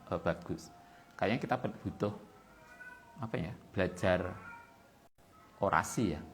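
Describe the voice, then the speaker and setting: A man with a Javanese accent teaching a religious text, reading Arabic and glossing it in Javanese in a relaxed, talky way. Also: lowish voice. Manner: explains in plain talk with Javanese word-by-word glosses of Arabic text, many fillers. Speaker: kitab teacher at an Islamic boarding school. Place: boarding school study hall.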